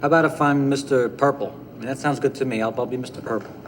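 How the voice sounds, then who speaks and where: A man's voice: mid-range voice, fairly even intonation, fast, close to an everyday voice. Actor as whiny, argumentative male crook, echoing. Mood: whiny protest. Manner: complaining, pushy, profane. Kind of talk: crime film dialogue. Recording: noisy, long reverberant room sound.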